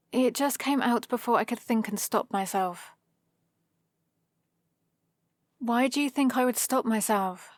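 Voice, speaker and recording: A woman with a British accent and a rather high, natural voice voices a female supervillain in an ASMR roleplay recorded dry, without room sound. Her delivery is very slow, hesitant and defensive, and a gentle exasperation reveals her care for the hero. She comes across as defensive and awkward.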